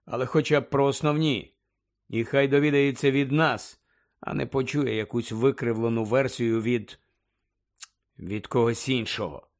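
A man voicing a quiet, composed man who speaks softly and unhurriedly. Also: mid-range voice, fairly even intonation, close to an everyday voice. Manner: soft-spoken, unhurried.

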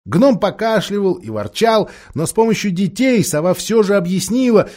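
A man narrating a children's fantasy story in an expressive storybook reading. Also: on the high side. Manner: lively, animated storytelling.

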